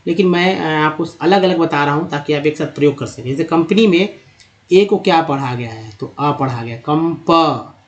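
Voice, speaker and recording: A man giving a patient pronunciation lesson, spelling words out letter by letter and repeating them slowly. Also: a little high. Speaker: English teacher. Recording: dull lo-fi recording.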